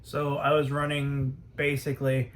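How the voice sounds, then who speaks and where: Young man, medium pitch, rambling casual storyteller for a vlog. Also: completely flat delivery, unhurried. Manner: rambling, lots of "um" and "I'm like". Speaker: vlogger.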